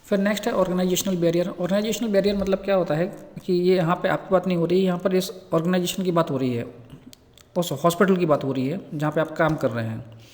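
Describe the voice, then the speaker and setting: A man gives a nursing lecture in a fairly high voice. He reads each English point slowly before explaining it in everyday words. His voice rings out in a long-reverb room. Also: steady tone, darkish tone. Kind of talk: Hindi lecture explaining from slides.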